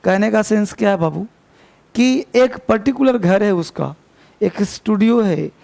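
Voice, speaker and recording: Animated but unhurried, a man teaching English grammar to a class uses a high, gravelly, rough voice with a darkish tone. He restates key points, corrects pronunciation, and fondly chides the students back to order.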